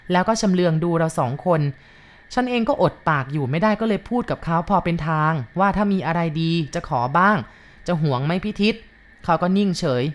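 A woman reading a ghost story aloud in a steady, unhurried storytelling manner. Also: on the low side.

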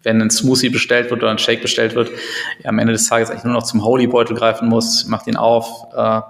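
Guy from berlin, co-founder in an interview, lots of ums, kinda flat voice. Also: medium pitch, fast, gravelly. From Berlin, Germany. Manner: hesitant, many fillers. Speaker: co-founder guest. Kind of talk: casual interview talk. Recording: echoey room with long reverb.

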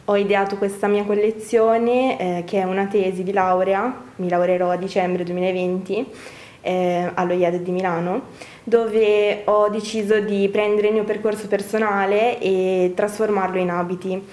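Young woman, even voice through a face mask. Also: mid-range voice, normal speed. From Brescia, northern Italy. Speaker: interview guest, young fashion designer. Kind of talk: interview answers explaining own work. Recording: roomy, echoing indoor sound.

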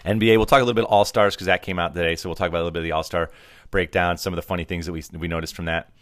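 A man's voice: sits low, steady tone, rapid-fire, a bit bright, no room sound, clean studio sound. A man, middle-aged, chatting casually and teasingly about sports as a podcast co-host, unscripted. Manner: teasing, bantering. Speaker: podcast co-host, father of the other host. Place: home basement.

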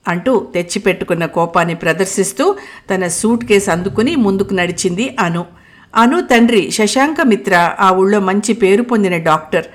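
A woman narrates a first-person story, reading with expressive warmth and careful phrasing. Her voice sits in a middle pitch range for a woman. This is steady audiobook storytelling. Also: normal speed.

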